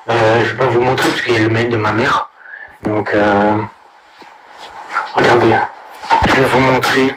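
A man with a hoarse, sick voice rants at other gamers, crude and halting, with many hesitations. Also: medium pitch, heavy background noise. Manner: crude, halting, full of fillers. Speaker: gamer ranting to viewers. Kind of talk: angry video rant.

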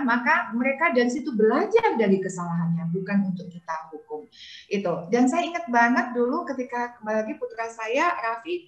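A woman's voice: a little high, a bit bright. Middle-aged woman on a roomy video call. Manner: anecdotal, frequent "eh" fillers, chuckles mid-sentence. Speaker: parenting motivator guest. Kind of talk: talk show storytelling.

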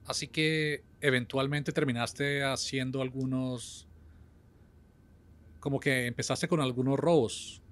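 Brief: male interviewer, mid-pitched, soft prompting questions. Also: fairly even intonation, a little slow.

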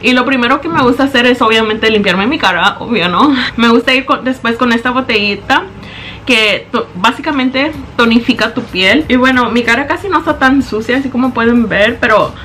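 A young beauty vlogger films a makeup tutorial in her small bedroom, talking into a camera close in front of her and explaining each step in chatty Spanish with English words slipping in. Her voice is fairly high, a bit bright and fairly quick, with a little hiss or hum.

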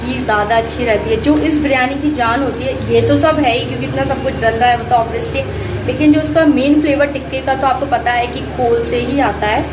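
A woman's voice: sits high, fairly even intonation, fairly quick, background noise. A woman in her thirties chatting through a cooking vlog in her home kitchen, explaining each step as she goes while hot and sweating. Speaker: cooking vlogger. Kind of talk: casual cooking vlog chat.

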